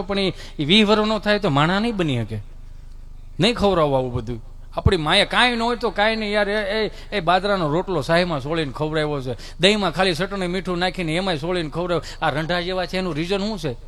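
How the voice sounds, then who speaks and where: A man's voice: sits high, fast. A man, telling a folk comedy monologue on stage and mimicking family members as he goes. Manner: animated storytelling, mimics family voices. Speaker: stand-up comedian.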